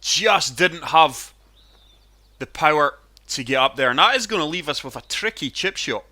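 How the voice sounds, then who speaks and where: Guy with a bad chest cold, wheezy but bright voice, chatting casually thru a golf game for his channel. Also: fairly high pitch, animated, moderate pace. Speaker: gaming channel host and player.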